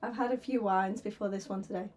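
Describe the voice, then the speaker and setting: Fast and fairly even in intonation, this woman's mid-range voice has a darkish tone and a slight hoarseness from a sore throat. She's an artist chatting and nervously giggling on a casual painting livestream, using a desk mic.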